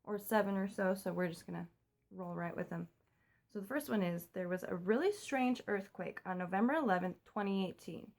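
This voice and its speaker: A woman's voice: medium pitch, gravelly, a little mellow. A young woman from the US chatting in a casual home vlog, recorded on a phone while keeping her voice down at night. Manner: chatty, talks fast, keeps voice down. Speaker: vlogger.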